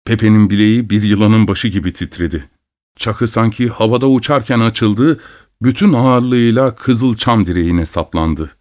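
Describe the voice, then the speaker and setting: A man narrating an audiobook in a measured, expressive storytelling manner. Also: on the low side.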